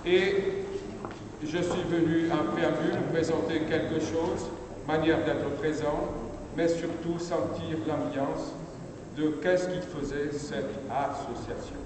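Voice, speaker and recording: Slow, hesitant middle-aged man in an echoey cloister. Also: on the high side, fairly even intonation. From Brazil. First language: Portuguese. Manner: slow, hesitant, searching for words. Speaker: sculptor. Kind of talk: opening speech at an exhibition. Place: abbey cloister. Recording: echoey stone cloister, far from the mic, ambient noise.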